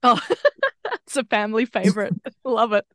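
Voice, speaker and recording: A woman's voice: a little high, sing-song, a little slow, a bit bright, no echo, studio quality. A woman interviewing a guest, asking curious, encouraging questions with filler words along the way.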